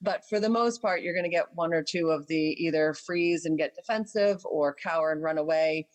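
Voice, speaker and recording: A woman, a dog trainer, explaining calmly and patiently in a casual chat, with filler ums. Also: low voice, normal speed, rough recording. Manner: patient, instructive, with acted dog voices.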